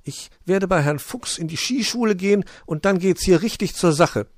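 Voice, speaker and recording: A man's voice: high voice, normal speed, no echo, clean studio sound, pitched above the performer's own voice, lightly acted. A man voicing a small, sporty, eager male bird in a children's storybook. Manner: cheerful, eager.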